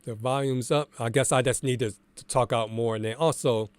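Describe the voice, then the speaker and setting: A man with an allergy-congested morning voice talks through his DJ software in a loose, easygoing way, thinking out loud. The recording is dry and close, with no room sound. His pitch sits in the middle range. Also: a little fast, smooth, no room sound. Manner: relaxed and candid, thinking aloud with fillers. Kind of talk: casual screen-share tutorial.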